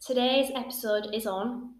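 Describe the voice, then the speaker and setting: Young woman hosting a podcast, highish voice, chatty, lots of "like", echoey room. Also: fairly even intonation, moderate pace. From England. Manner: chatty, laughs often, uses "like" a lot. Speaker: podcast host. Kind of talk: casual chat. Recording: roomy echo.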